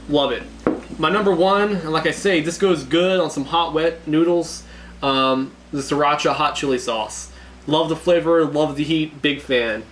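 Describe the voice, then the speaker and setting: A man's voice: on the high side, fairly bright tone. A man hosting a casual food challenge web show, speaking in a wordy, mock-formal way. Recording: clearly noisy background.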